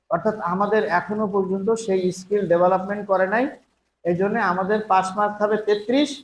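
Educator at a meeting: man, high pitch, rhetorical, echoey hall mic. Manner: rhetorical questions, mixing in English phrases. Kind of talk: public speech.

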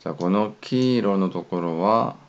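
A man's voice: low voice, moderate pace, lo-fi sound. A man whose first language is Korean, patiently giving a pronunciation lesson and modelling syllables one by one. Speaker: language teacher.

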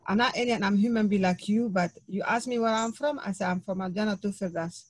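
A woman tells a personal anecdote to her study group over a video call, animated and laughing at her own punchlines. Her English grammar is non-native. The sound is dry and close, with no room in it. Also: mid-range voice, a little fast, no room sound, poor audio. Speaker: study circle participant.

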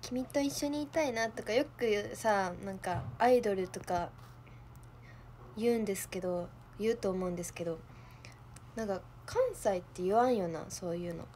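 A woman's voice: medium pitch, normal speed, a little mellow, slight background noise. A young woman with a Kansai accent, hosting a livestream in casual chat, playful and giggly, thinking aloud. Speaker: idol livestream host.

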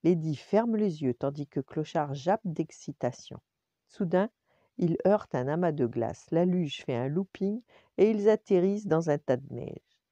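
Older grandma reading a bedtime story, lowish mellow voice, very dry dull recording. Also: female voice, a little slow, dry recording. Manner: warm, expressive storytelling.

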